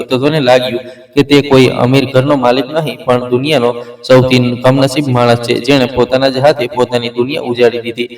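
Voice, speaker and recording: A man narrating a dramatic family story in a steady, deliberate reading. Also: mid-range voice. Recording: roomy, distant mic.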